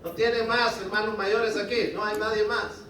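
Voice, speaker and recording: A man's voice: high-pitched, little pitch movement, normal speed, a bit bright, very echoey, recorded from a distance, low-quality recording. A male pastor preaching a sermon in a conversational way, often asking the congregation to respond. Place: church hall.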